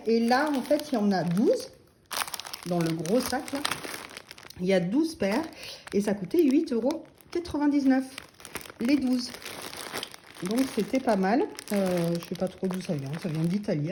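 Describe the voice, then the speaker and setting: A woman's voice: mid-range voice, animated, moderate pace, long pauses. A middle-aged woman chatting casually about her shopping, hesitant and full of fillers, often laughing at herself. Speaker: vlogger. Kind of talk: casual haul vlog chat. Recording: echoey room with faint noise.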